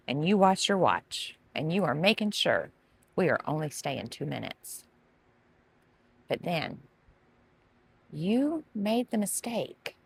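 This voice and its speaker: A woman's voice: on the low side, vocal fry, slightly rough. A woman, a gardening vlogger telling a chatty, dramatic story to camera.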